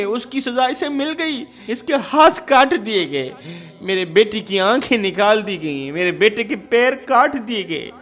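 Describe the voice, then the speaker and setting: A man's voice: very high voice, a bit bright. A man voicing a grieving old mother who pleads and laments over her son.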